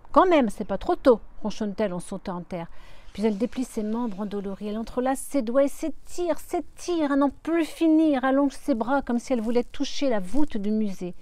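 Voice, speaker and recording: A woman narrating a storybook in an expressive, lilting way. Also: mid-range voice, no room sound.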